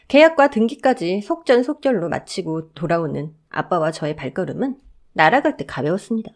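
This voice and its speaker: A woman tells a first-person story in a chatty, conversational way. Her pitch swings widely as she narrates.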